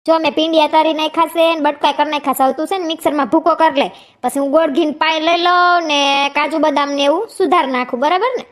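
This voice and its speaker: A woman chatters on in a high, bright register. She is teasing and a little bossy as she hands out chores in a comic sketch, and she bursts into snatches of song. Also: steady tone, quick pace. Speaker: lead in a comedy sketch. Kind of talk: scripted comic village chat.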